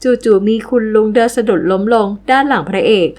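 A woman narrating a recap of a television drama in a steady storytelling read. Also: a little high, a little fast. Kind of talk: scripted plot-recap narration.

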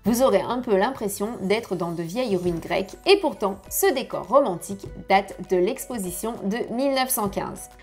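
A woman's voice: mid-range voice, expressive, moderate pace, few pauses, darkish tone, soft background music. A woman narrating family travel tips in a friendly, advice-giving voice-over.

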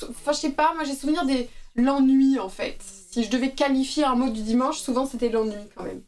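A woman's voice: high voice, a little fast, darkish tone, far from the mic. A tired woman in her thirties, a streamer chatting casually and rambling with lots of fillers while doing yoga at home. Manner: chatty and rambling, many fillers and asides to viewers. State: tired from night feedings. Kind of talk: casual live-stream chat.

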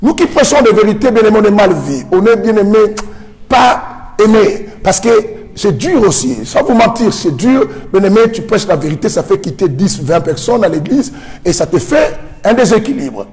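A male preacher delivers an emphatic sermon in a high, very animated voice. He quizzes his listeners and answers for them, now and then lifting into a shout or a sung line. The sound rings with a long reverb, as in a large hall. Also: normal speed. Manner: emphatic, asks the congregation questions and answers himself; breaks into shouts and sung phrases.

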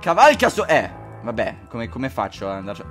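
A man's voice: mid-range voice, huge pitch swings, normal speed, a bit bright, soft background music. A man doing let's-play commentary, joking crudely, swearing often and talking straight to his viewers. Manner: talks to viewers directly. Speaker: gaming video host.

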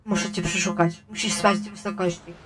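A woman's voice: fairly low pitch, little pitch movement, fairly quick. A woman chatting casually and playfully while gaming, slipping into mock role-play. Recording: loud noisy game audio, clicks.

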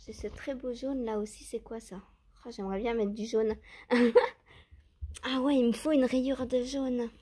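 A woman's voice: on the high side, fairly even intonation, unhurried, warm tone. A woman chatting casually to viewers as she picks yarns at home, thinking aloud with hesitant fillers and questions, filming on a handheld phone. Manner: hesitant, musing, many fillers and self-questions. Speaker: knitting vlogger. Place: at home among her yarn stash.

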